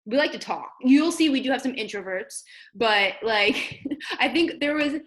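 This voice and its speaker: A woman's voice: high voice, expressive, measured pace, a bit bright, low-quality recording. A woman from New Jersey hosting a video call as a fitness team leader, chatty and encouraging in a casual motivational talk.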